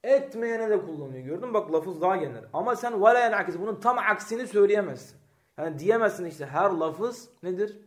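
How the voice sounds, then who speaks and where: A man's voice: high-pitched, lively intonation, fairly quick. A man teaching Arabic grammar to a class, reading Arabic text aloud, explaining it and asking students rhetorical questions. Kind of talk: classroom lesson. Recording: echoey room.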